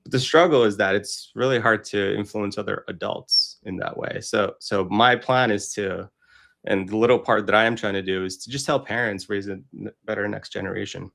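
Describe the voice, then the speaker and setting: A man's voice: lowish voice, steady tone, normal speed, vocal fry, a bit bright. A man from Brooklyn speaking as a guest in a casual conversation, in an earnest, reflective way. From Brooklyn, New York. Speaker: podcast guest.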